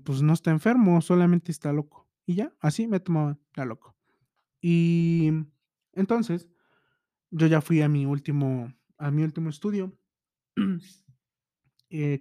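A young man telling a personal story in a halting, emotional way, full of repeated restarts. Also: fairly high pitch, mellow, clean tone, dry recording.

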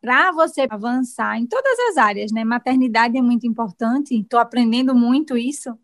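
Woman, thirties, high-pitched, earnest, animated storyteller, interview guest. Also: moderate pace. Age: 30s. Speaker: interview guest, new mother. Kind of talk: emotional personal testimony.

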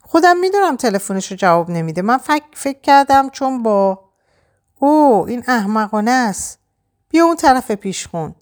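A harried man running a busy bar, as a woman reads him aloud, tripping over his own sentences. His voice sits high and swings widely. Part of an audiobook reading. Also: big pitch swings, a little mellow. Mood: flustered. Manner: halting, stammering restarts. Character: harried male bar manager, irritated then worried.

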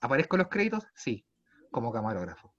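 A young Chilean man with a Chilean accent telling a comedic story casually, swearing freely and swinging between low mutters and loud exclaims. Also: very animated, fast. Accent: Chilean Spanish. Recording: slightly dull lo-fi sound.

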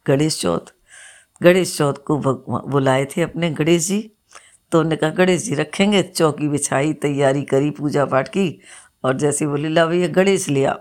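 Woman storyteller, low voice, plain homely telling of religious folk tales. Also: a little mellow.

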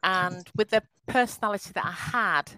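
A woman's voice: medium pitch, expressive, normal speed, no echo, low-quality recording. A woman, a podcast guest telling her life story in a chatty way over a call. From England. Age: 50s. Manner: laughs often, warm and chatty, restarts sentences. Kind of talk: casual interview over a call.

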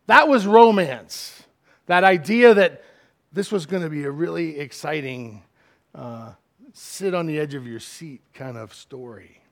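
A middle-aged man preaching a sermon as pastor, swinging from loud, emphatic lines to quiet asides. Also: a little high, expressive, unhurried.

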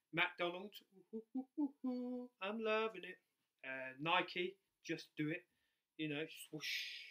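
A man's voice: a little high, poor audio. A man preaching a sermon, repeating key phrases for emphasis, with R's that come out close to W. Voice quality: soft R's pronounced close to W. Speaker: preacher in ministry.

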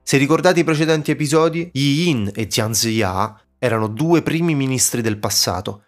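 A man hosting a history podcast, narrating the story calmly with explanatory asides. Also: mid-range voice, normal speed, faint music behind. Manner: calm explanatory retelling with asides.

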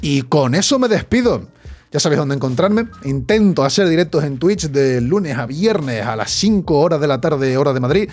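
Podcast host: young Spanish man, Spain Spanish accent, slangy and animated, with a voice a bit on the high side. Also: moderate pace, faint music behind. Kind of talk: casual news chat.

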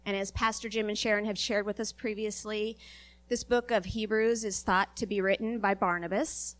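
A woman's voice: medium pitch, steady tone. Sniffly woman giving a church sermon. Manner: earnest, halting, with many fillers. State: sniffly, recovering from a virus. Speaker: lay preacher.

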